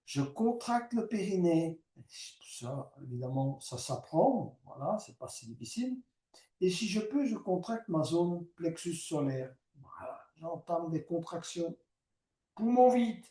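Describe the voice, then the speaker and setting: Slow, calm male yoga teacher. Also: high voice, reverberant, far from the mic. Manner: slow, calm step-by-step cues with breathing prompts. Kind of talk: guided yoga class instruction.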